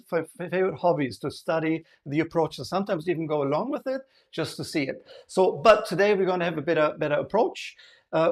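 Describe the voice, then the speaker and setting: A man with a German accent presenting a live sales workshop, often checking in with the audience and restarting his sentences. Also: on the high side. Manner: engaging, asks the audience frequent questions; halting, many restarts and fillers.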